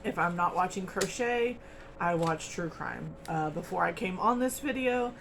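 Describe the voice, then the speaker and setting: A woman's voice: on the low side, expressive, normal speed, creaky, noisy background. A woman chatting casually to camera as host of a crochet channel, rambling along with lots of ums and little laughs, from home. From United States.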